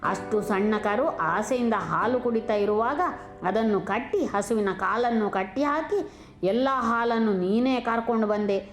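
A woman's voice: a little high, unhurried, echoey room, lightly acted. A woman doing a tender-hearted little girl. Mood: hurt, reproachful. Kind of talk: storybook reading.

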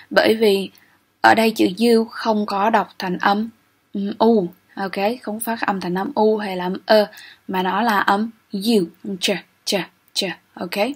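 A woman's voice: medium pitch, breathy edge. A young woman teaching English grammar in an exam-prep lecture, explaining step by step and often checking with "ok?".

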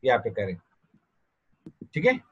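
A male programming teacher with a Marathi accent giving an online class over a video call, quizzing students and dictating notes slowly. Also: mid-range voice, huge pitch swings, slightly rough, dull audio.

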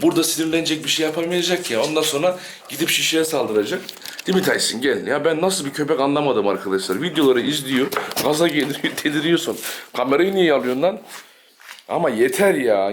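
A man's voice: on the high side, animated, fast talker, a little hiss or hum. A man, chatting casually to viewers in a home vlog while teasing and scolding his dog. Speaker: dog channel vlogger.

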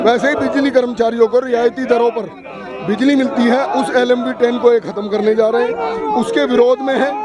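A male electricity worker at an outdoor protest, arguing his case firmly to a reporter. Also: very high voice. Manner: firm, argumentative. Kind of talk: street interview.

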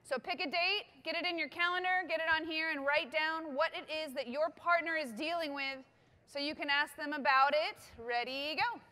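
A woman's voice: high voice, normal speed, sharp tone. A middle-aged woman facilitating a conference workshop, giving upbeat step-by-step directions to the audience on a hall stage. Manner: upbeat, directive, checks in with "okay?".

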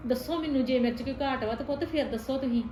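Lady playing a gentle stepmom, pleading softly, slightly high voice, echoey room, faint music. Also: fast, close to an everyday voice. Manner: soft, coaxing, affectionate pleading.

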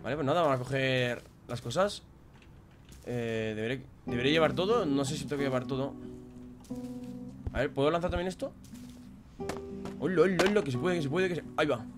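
A young man from talks through his gameplay, mostly under his breath as he thinks aloud. He breaks into sudden excited shouts, and his voice sits at an ordinary middle pitch. Game music with plucked guitar plays clearly behind him. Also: a little fast, pauses often. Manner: chatty, muttering to himself, bursts of excited yelling. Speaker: gameplay youtuber. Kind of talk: let's play commentary.

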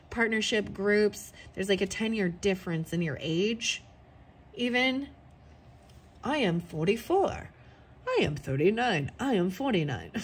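Excitable woman reading tarot cards. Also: medium pitch, breathy edge. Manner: excitable, thinks aloud, gasps and exclaims. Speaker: tarot reader.

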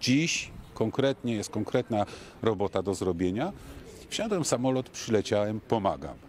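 A man's voice: fairly low pitch, sing-song, moderate pace, darkish tone. A man from Silesia, a campaign volunteer, talking in an interview. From Silesia, Poland. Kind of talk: interview answer. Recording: faint ambient noise.

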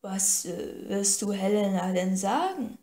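A woman voicing a huge, slow-witted female slave who speaks slowly and haltingly with a changed timbre. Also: medium pitch, animated, mellow, roomy sound. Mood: worried whispering.

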